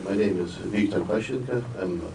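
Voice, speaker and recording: A man's voice: lowish voice, moderate pace. A man, a deputy department head, gives a formal introduction. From Ukraine. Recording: distant mic with background noise.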